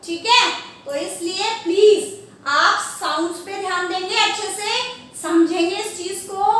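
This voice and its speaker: An Indian woman teacher with a very high, bright voice patiently walks young children through a grammar lesson. She repeats her questions so they answer along. Her voice sounds far from the mic, in an echoey room with a faint hiss.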